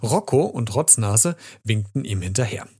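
A man narrating a children's storybook aloud in an expressive, lively reading with a husky voice. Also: medium pitch, normal speed.

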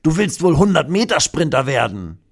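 A man's voice: fairly high pitch, sing-song, normal speed, creaky, slightly rough, voice pushed up, full character voice. A man voicing a jolly, joking postman in a hearty, teasing way.

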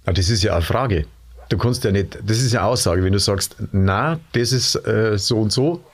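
A man with a Bavarian accent talks casually as co-host, hesitant and deliberate, and his humor is dry. His voice sits somewhat low. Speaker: podcast co-host. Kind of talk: casual chat.

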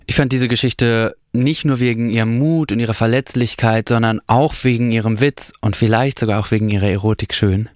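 A man's voice: medium pitch, fairly even intonation, brisk, hardly any pauses, no room sound, studio quality. A man presenting a podcast introduction in a reflective, conversational style.

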